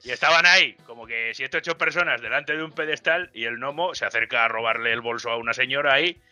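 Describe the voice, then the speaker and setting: Very bright man telling stories. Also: mid-range voice, fast talker, dry recording, faint music behind. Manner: animated storytelling, blunt slang. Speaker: game master guest. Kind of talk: casual podcast chat.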